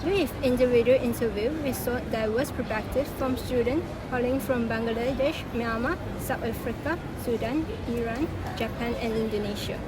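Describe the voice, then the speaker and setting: A young woman student presenting research in scripted narration, reading in a measured way. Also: a little high. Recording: clear background noise.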